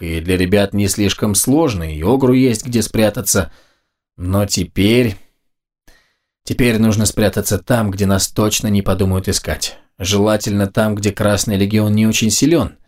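A man narrating a fantasy audiobook in the first person, in a steady, measured storytelling manner. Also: on the low side.

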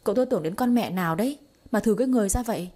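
A woman reading the part of a bold, scheming young wife who scolds quickly and mockingly, in an audio story. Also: medium pitch, mellow, lightly acted. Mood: sharp.

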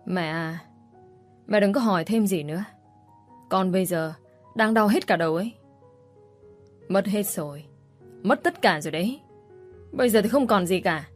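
A woman's voice: mid-range voice, animated, moderate pace, long pauses, soft background music, close to an everyday voice. Woman reading as a spiteful scolding young woman. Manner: harsh, scolding. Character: spiteful scheming young woman, shrill bully.

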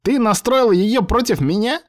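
A man voicing an irritable male professor who lives inside a laptop, shouting orders and sneering. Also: mid-range voice, animated, moderate pace, pitched above the performer's own voice, natural voice. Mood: outraged.

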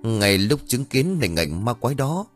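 A man narrating a ghost story audiobook with dramatic, expressive delivery. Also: medium pitch, measured pace, soft background music.

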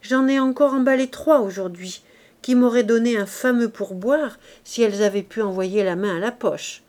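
A woman reading aloud, voicing an old drunken male undertaker's helper who speaks loudly and bluntly. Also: a little high, moderate pace, natural voice. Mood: mocking.

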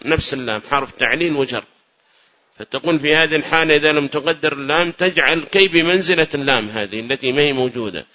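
A man leads a classroom grammar lesson, his voice bright and a little high. He explains patiently, repeats key points and questions his students. The recording is muffled and lo-fi. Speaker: grammar teacher.

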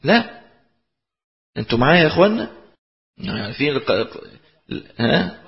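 A man with an Egyptian Arabic accent lectures on a text, explaining points and answering rhetorical questions he poses himself. His gravelly voice sits at medium pitch with big swings, at a normal speed. It's a lo-fi recording made in a reverberant hall.

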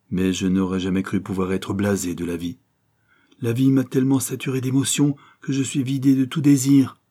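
A man's voice: on the low side, mellow, breathy edge. A man reading an audiobook, voicing a disillusioned young former sailor in a weary, earnest way.

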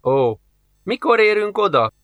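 Guy putting on a high, slow know-it-all old professor type, dry close sound. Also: very animated, pushed and bright, dry recording, heavily acted. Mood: flustered. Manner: lecturing, drawn-out, high-pitched. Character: fussy old male scientist, condescending.

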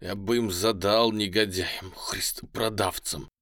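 Man doing a wounded volunteer, feverish, quiet, slow, dry sound. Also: on the low side, steady tone, no room sound. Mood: bitter.

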